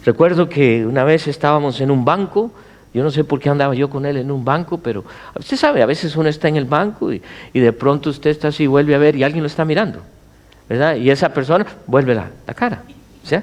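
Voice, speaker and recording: A man's voice: a little high, brisk. A middle-aged man and pastor preaching a sermon, often asking the congregation rhetorical questions. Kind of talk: Spanish-language sermon.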